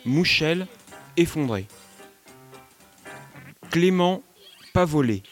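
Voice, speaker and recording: A man's voice: fairly high pitch, expressive, extremely slow, faint music behind. A man reciting rhythmic spoken-word poetry in clipped, short bursts of wordplay.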